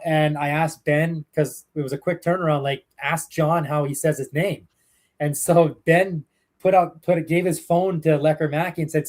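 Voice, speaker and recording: Appearing as an interview guest, a young hockey play-by-play broadcaster with a Canadian English accent rambles through behind-the-scenes stories in casual answers. His darkish voice sits a bit high for a man, and he often fills pauses with ums and uhs and restarts his sentences.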